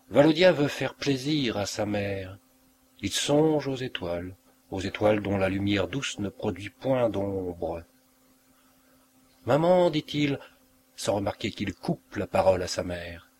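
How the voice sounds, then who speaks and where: A man reading a literary short story aloud with a measured, expressive narration. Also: lowish voice, a little hiss or hum. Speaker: audiobook reader.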